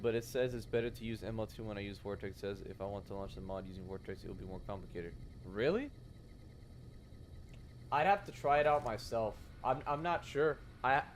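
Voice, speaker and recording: Rambling male game streamer, noisy audio. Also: fairly low pitch. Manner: rambling, self-correcting, sarcastic asides. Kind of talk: casual gameplay commentary.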